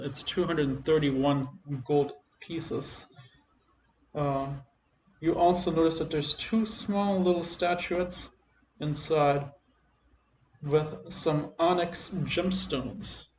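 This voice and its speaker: A man narrating a tabletop game as game master in a casual, halting way with many fillers. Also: a little high, steady tone, darkish tone, reverberant, highs cut off, slight background noise.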